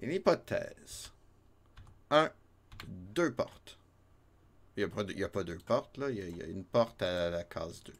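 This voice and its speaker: Québécois guy streaming an old rpg, slow easy talk, jokey, laughs a lot. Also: low voice, expressive. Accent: Québécois French. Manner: chatty, jokey, laughs often, reads chat aloud. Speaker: streamer playing a retro game. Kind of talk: casual let's-play chat with viewers.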